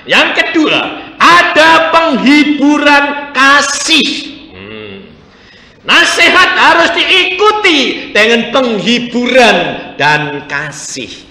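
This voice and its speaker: Animated male preacher, echoey hall. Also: extremely high pitch. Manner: animated, swings from soft asides to loud emphatic preaching. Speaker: pastor. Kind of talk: sermon with acted-out anecdote. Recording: echoey church hall with long reverb.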